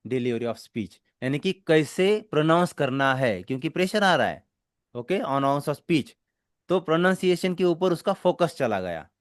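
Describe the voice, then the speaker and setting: A man's voice: a little high, big pitch swings, no room sound, clean studio sound. A man with an Indian accent teaching a spoken English class, explaining step by step in mixed Hindi and English and often checking that students follow. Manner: explains slowly, mixes Hindi and English, keeps checking understanding.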